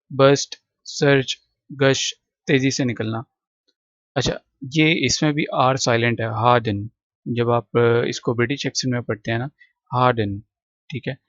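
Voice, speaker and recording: Teacher reading word lists. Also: male voice, mid-range voice, no room sound, dull audio. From Pakistan. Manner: reads word lists in quick runs, adds short checks like "theek hai". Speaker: English teacher. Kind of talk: vocabulary lesson explaining words line by line.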